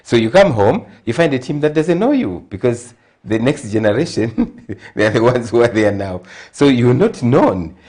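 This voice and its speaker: A middle-aged Zambian-accented man, appearing as a guest consultant on a TV interview, speaks at medium pitch and normal speed. He starts out earnest and becomes increasingly emphatic and animated.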